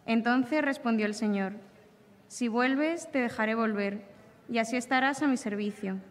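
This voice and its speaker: A woman lector proclaims scripture in a fairly high voice. She reads solemnly, phrase by phrase, and each line rings through a chapel with long reverb. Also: normal speed. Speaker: lector at Mass. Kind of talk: solemn scripture and psalm reading. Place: large open chapel, lectern microphone.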